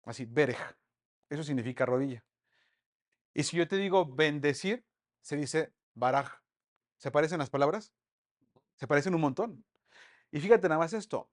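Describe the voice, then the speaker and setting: A man teaching an online Bible study lesson, lively and full of rhetorical questions to the group. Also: fairly high pitch.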